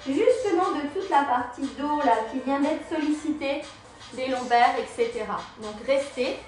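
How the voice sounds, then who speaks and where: A woman with a high voice leads a Pilates session, gently pushing her students through each move and breath. She sounds set back from the mic in a strongly echoing room, with faint music in the background. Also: normal speed, distant mic. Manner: encouraging, cueing breath and movement step by step. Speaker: Pilates and yoga instructor. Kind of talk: guided exercise class instruction.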